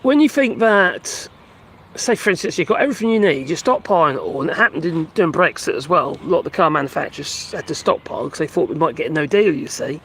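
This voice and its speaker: Losing his voice, a male streamer offers casual live commentary on the news at home, sounding hoarse, animated, a bit bright, and slightly raised in pitch. His delivery is rambling and halting, full of fillers and restarts, and he breaks off to talk to the animals around him. There's slight hiss or hum.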